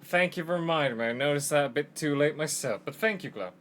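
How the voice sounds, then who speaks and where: A man's voice: on the high side, quick pace, a bit bright, soft background music. A man streaming a game, chatting casually and giggling through his commentary.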